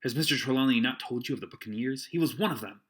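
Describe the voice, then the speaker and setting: A man's voice: mid-range voice, quick pace, fairly bright tone, breathy edge, pitched above the performer's own voice. A man voicing an eager, polite young cabin boy in a storybook reading. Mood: earnest.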